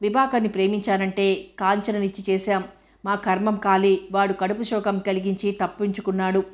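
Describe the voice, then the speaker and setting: Scolding, pleading words from an older widowed mother, voiced by a woman reading the novel aloud. She keeps an even, unhurried delivery at a middling pitch, with little rise and fall. It sounds like a letter read from a storybook. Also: close to an everyday voice. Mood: reproachful. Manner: reproachful, pleading.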